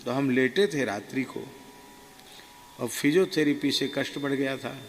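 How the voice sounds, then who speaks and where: Gravelly monk telling a devotional story. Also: male voice, medium pitch. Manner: slow, earnest and subdued. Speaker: monk telling a spiritual experience. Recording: reverberant hall, faint ambient noise.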